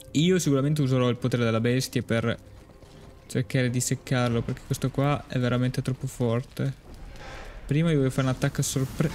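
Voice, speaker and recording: A man giving live gameplay commentary, excitable, with frequent exclamations and cursing at the game. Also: mid-range voice. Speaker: gaming video creator. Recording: steady background noise.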